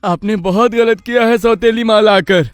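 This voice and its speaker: A sulky, resentful young boy calf in a cartoon tale, played by a man. The voice sits high, and it is recorded close and dry. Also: fairly even intonation, normal speed, dry recording, faint music behind, natural voice. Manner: bitter and resentful. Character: angry jealous young male calf.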